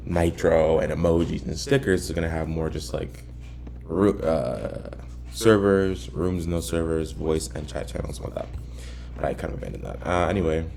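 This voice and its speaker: Far-from-mic man, very low creaky voice. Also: a little mellow. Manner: halting, muttering to himself, wandering off on tangents. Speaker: programmer recording himself working. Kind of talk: casual think-aloud coding vlog. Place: echoey apartment room. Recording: far-off echoey room, clearly noisy.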